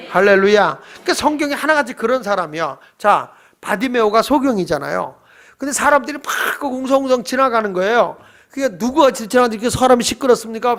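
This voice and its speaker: A man preaching a night-service sermon in a church, lively and firing questions at the congregation. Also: sits high. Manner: animated, quizzes the congregation. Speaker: pastor.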